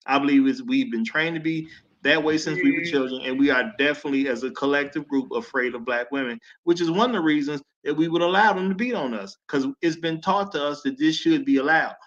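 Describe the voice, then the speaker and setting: A man's voice: fairly high pitch, fairly quick, a bit bright. A man hosting a panel, making firm, declarative points in opinionated talk. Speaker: host. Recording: dull lo-fi audio.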